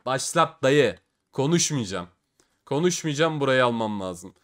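Lively hyped young man, case-opening commentary. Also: medium pitch, a little slow. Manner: swings between loud hype and grumbling, slangy. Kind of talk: excited gaming commentary.

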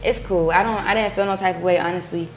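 A woman's voice: on the low side, steady tone, fast, a little hiss or hum. A woman on a reality show talking a conflict over in casual, shrugging-off slang. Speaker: reality show cast member. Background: music.

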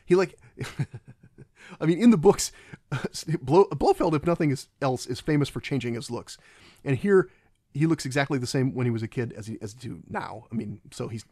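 A man's voice: medium pitch, lively intonation, warm tone, no room sound, clean studio sound. A man giving a casual, rambling film commentary, often stopping and restarting his sentences. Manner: halting and rambling, many restarts.

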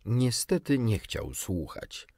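A man reading a children's classic aloud with expressive, dramatic narration. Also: fairly low pitch, takes it slowly, vocal fry, no echo, studio quality. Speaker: audiobook narrator. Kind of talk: scripted storybook narration.

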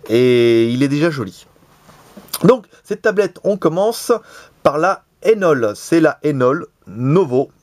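A man from Lyon hosts a gadget review with a put-on southern French accent, chatting and joking between plenty of fillers. His pitch leaps up and down with every aside. The sound is dry and close, with no room echo. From Lyon, France. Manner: jokey, chatty, many fillers. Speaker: tech reviewer, show host. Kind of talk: casual product review. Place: office in Shenzhen.

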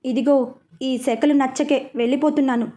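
A woman voicing a gruff, short-tempered young man in an audio story, speaking curtly. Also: high-pitched, steady tone, normal speed, dark tone, close to an everyday voice. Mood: stern. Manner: curt, irritated.

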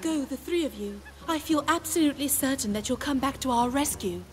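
An actress playing a gentle young woman who speaks with reassuring trust. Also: high voice, expressive, fairly quick, a little hiss or hum.

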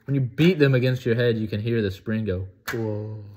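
An eighteen-year-old man from the United States chatting casually on a vlog, excitable, profane and rambling. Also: medium pitch, brisk, a little hiss or hum. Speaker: vlogger.

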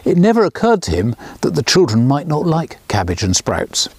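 Speaking at normal speed in a slightly rough voice, a children's author in his sixties reads his storybook outdoors beside a small railway. He's an animated storyteller who raises his voice for the characters' lines, and the recording has no room sound.

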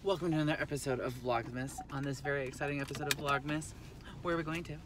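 A man's voice: fairly high pitch, fairly even intonation, rapid-fire. A young man chatting casually to his phone camera from inside a car while on a road trip. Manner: chatty, upbeat, narrating to camera. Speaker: vlogger. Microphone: phone held at arm's length. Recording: loud car and road noise. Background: car engine and road noise.

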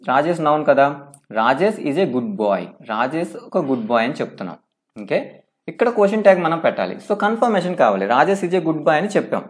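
A man lectures on English grammar, his fairly high voice swinging widely in pitch. He explains step by step, reads out each English form slowly and keeps checking in with "okay?". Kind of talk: classroom lecture.

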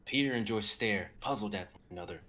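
Reading stage directions from a drama script, a man in his 20s speaks briskly in a lowish, sharp-toned voice and sometimes trips over the text. It's home video-call audio with a little background noise.

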